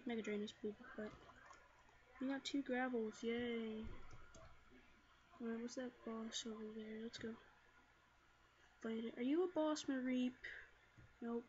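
A woman hosting a gaming video, excitably commenting on her battles and shouting commands at her team. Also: fairly high pitch, a little slow, pauses often. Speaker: gaming channel host. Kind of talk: Let's Play commentary. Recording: dull lo-fi mic with faint noise.

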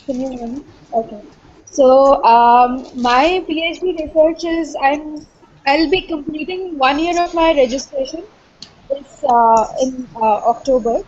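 A woman from India, a doctoral student, introducing her research in an online class, speaking quickly with fillers. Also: high-pitched, darkish tone. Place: video call. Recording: dull lo-fi online call audio.

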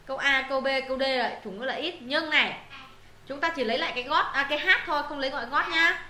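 Bright-voiced high woman teaching. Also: fast talker, reverberant. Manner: patient, repeats words, checks students with questions. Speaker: English teacher. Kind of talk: exam answer walkthrough lesson.

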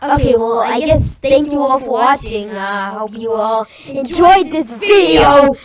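A woman in a casual reaction video, chatty and quick to exclaim, her voice run through a robot voice changer. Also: high-pitched, animated, over a noisy crowd. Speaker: video creator reacting to an animation. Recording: echoey room, distant mic, music behind.

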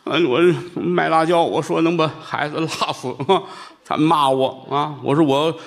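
A man playing a foolish, weeping male vegetable peddler who whines and sobs in a high voice. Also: fairly even intonation, unhurried, creaky. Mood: whiny. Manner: whining and sobbing in a high voice.

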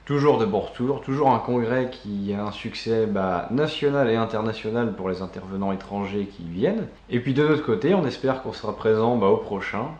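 A man's voice: lowish voice, normal speed, few pauses, darkish tone, lo-fi sound. Chatty French-speaking man in an echoey room. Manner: loose and chatty, many fillers. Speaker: co-host. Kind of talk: casual magic news show.

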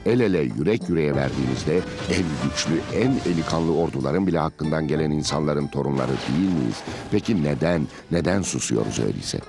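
Very deep gravelly male narrator over music. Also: expressive, brisk, few pauses. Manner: theatrical, rhetorical, emphatic phrasing. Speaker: TV programme presenter. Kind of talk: dramatic scripted narration.

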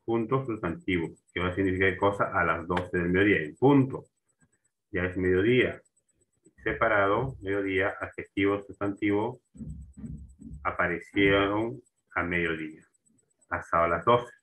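In a low-quality recording, a man with a deep, fairly bright voice teaches a grammar lesson. He goes slowly and repetitively, repeating terms, restarting words, and checking in with students to ask for agreement.

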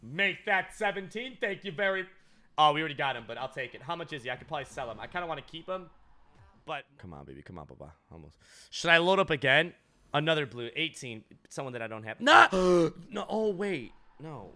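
A young man giving loud, excitable commentary while opening game packs, jumping between shouted hype and muttered swearing. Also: fairly high pitch, fast. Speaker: gaming YouTuber opening packs.

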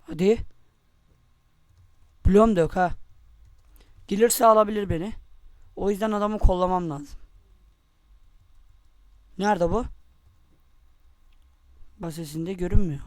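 A young man with a very high voice rages and swears through his gameplay commentary. His recording is close and dry, with no room sound around it. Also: a little slow, long pauses, no room sound. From Turkey. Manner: angry, cursing, taunting. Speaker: gamer.

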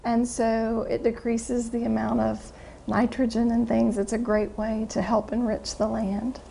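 A woman's voice: on the high side, level tone, measured pace, creaky, dark tone, slight background noise. A middle-aged woman giving casual interview answers indoors. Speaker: youth development faculty, interviewee. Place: indoors before a branded backdrop.

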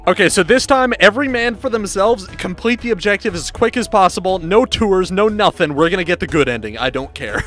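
A man hosting a casual game session with friends, excitable and quick with jokes, laughing often over a voice call. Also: high voice, faint music behind. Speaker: gaming channel host. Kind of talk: casual gaming chat with friends.

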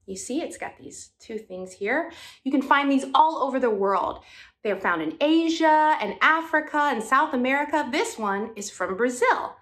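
A woman's voice: sits high, lively intonation, normal speed, fairly bright tone. A woman teaching a music class for young children, talking in a cheerful, sing-song way and coaxing the kids to join in.

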